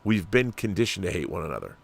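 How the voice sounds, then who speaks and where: This livestream host, an American from Washington state, has a low-pitched, slightly rough voice with vocal fry, big pitch swings, and a fast pace. His talk is conversational and discursive: opinionated commentary, rhetorical questions, and replies to messages from viewers.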